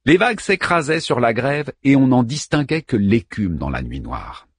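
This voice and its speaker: A man narrating an epic tale in dramatic, expressive audiobook style. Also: mid-range voice, moderate pace, breathy edge, no echo, studio quality.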